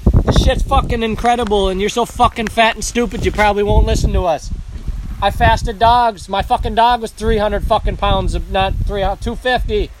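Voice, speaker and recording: A man's voice: high voice, steady tone, normal speed, noisy background. A man in a comedic rant, insulting and swearing constantly with angry bursts, recorded outdoors. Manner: aggressive, insulting, heavy swearing, shouting bursts.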